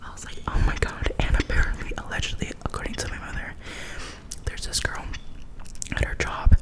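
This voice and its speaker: A young woman whispering a chatty, gossipy ASMR storytime in casual slang, with animated and dramatic retelling. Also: a little fast.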